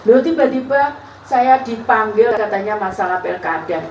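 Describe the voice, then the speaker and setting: A woman's voice: medium pitch, lively intonation, moderate pace, darkish tone, muffled recording. A woman with an East Javanese accent, a political candidate giving an informal campaign speech as chatty storytelling with frequent laughs. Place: community event space. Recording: echoey, distant, noisy room.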